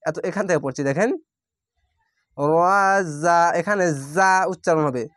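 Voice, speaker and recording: A man teaching Quran reading, spelling out each syllable slowly and then blending it into the word. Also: fairly high pitch, no echo, studio quality. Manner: draws out recited words very slowly. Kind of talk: slow letter-by-letter recitation lesson.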